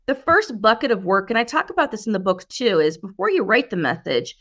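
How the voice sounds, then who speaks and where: Speaking as a guest in a business interview, a woman brand strategist coaches emphatically, leaning on rhetorical questions. Her medium-pitched voice is animated, a bit bright and slightly fast, with the highs cut off in the audio.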